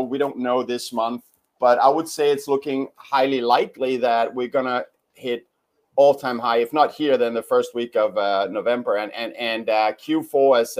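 A man speaking as a guest on a panel discussion, casual and hesitant, with many fillers and restarts. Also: medium pitch. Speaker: guest commentator.

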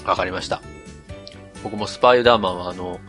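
A man from Mie co-hosting a podcast in casual chat, animated and laughing as he complains. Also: low voice, quick pace, soft background music. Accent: Kansai-leaning Mie dialect. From Mie, Japan. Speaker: podcast co-host.

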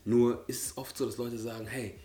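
A man's voice: mid-range voice, little pitch movement, brisk, warm tone. A man in a casual motivational podcast chat, speaking emphatically and repeating his key phrases. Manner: emphatic, repeats phrases, often murmurs agreement. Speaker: podcast co-host.

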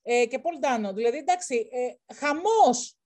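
Chatting casually about a film as a co-host, a woman with a high, expressive and slightly mellow voice rambles along. She restarts often and keeps calling things chaos.

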